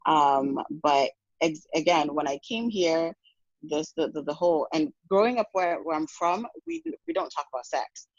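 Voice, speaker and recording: A woman's voice: low-pitched, expressive, normal speed, dry recording, highs cut off. A woman from Ghana, speaking frankly in a casual podcast conversation, often restarting and adding "you know". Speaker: podcast guest.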